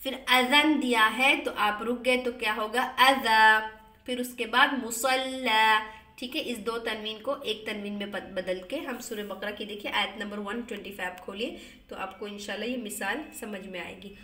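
Woman teacher going over recitation rules, bright voice, echoey room, kinda far from the mic. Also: fairly high pitch, steady tone. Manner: patient, repeats and drawls example words slowly. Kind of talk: explaining Tajweed rules to students.

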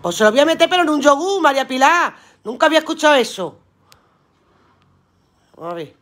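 A woman's voice: high voice, animated, fairly quick, fairly bright tone. Brief: woman, live-stream seller, chatty and earthy, swears casually, laughs a lot. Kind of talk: casual live-stream chat reading viewer comments aloud.

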